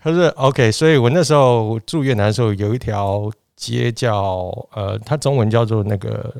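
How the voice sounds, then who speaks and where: A man in his forties chatting as a guest, relaxed and talkative, often laughing and restarting his sentences. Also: on the low side, normal speed, gravelly, clean tone, dry recording, studio quality. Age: 40s. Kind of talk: casual chat.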